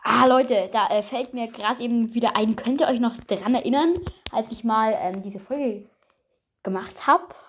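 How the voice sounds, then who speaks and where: A woman's voice: on the high side, moderate pace, a little hiss or hum. A woman giving casual, slangy, exasperated reaction commentary as host, her voice run through a voice changer. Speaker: host reacting to audio drama.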